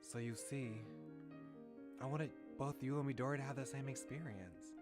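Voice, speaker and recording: A man voicing a cheerful, gentle teenage boy who talks earnestly and a little wistfully. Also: medium pitch, steady tone, moderate pace, over loud music, voice pushed up, close to an everyday voice.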